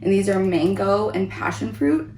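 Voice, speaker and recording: A woman talks casually through a taste test, like a vlog host. Her voice is mid-pitched and sits in an echoey room with faint background noise. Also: animated, normal speed, a little mellow. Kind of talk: casual chatty food review. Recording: roomy echo, background noise.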